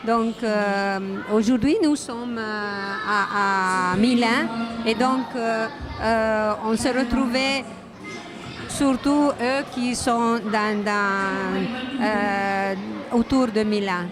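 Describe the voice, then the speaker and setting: A woman's voice: a little high, fairly even intonation, drawn-out words. A woman speaking imperfect French with a foreign accent, hesitantly searching for words as she answers in an interview. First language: not French. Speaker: interviewee, religious association secretary. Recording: loud music behind the voice. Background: loud music.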